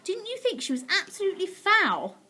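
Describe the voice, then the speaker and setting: A woman voicing an excited small boy in a storybook, high and eager. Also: a little fast, full character voice.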